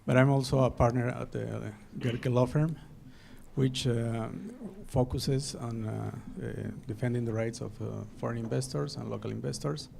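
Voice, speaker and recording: Panelist: middle-aged man from Bolivia, law professor, gravelly and dark, halting delivery. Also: mid-range voice, steady tone, slight background noise. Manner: hesitant, many fillers. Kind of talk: panel presentation.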